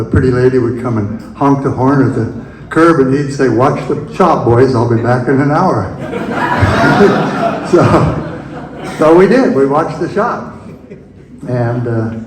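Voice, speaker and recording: An older man reminisces about his youth, pausing, restarting and chuckling softly. His mid-range voice sits in a roomy, echoing museum space. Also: medium pitch. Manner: rambling, halting storyteller with chuckles. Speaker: invited speaker. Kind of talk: telling personal memories at an event. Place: room at a museum event.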